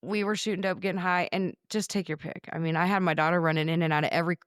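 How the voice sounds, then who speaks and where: Blunt, low-voiced woman podcast guest. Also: fairly even intonation, fast, clean tone, no echo, studio quality. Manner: blunt, profane, matter-of-fact. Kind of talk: candid podcast interview.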